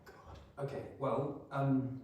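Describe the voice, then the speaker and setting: A man's voice: mid-range voice, little pitch movement, slow pace, a little mellow, close to an everyday voice. A man playing a nervous, evasive fiancé in a staged rehearsed reading, hesitant, stammering and placating. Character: nervous, evasive fiancé hiding a secret job. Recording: very echoey room, distant microphone.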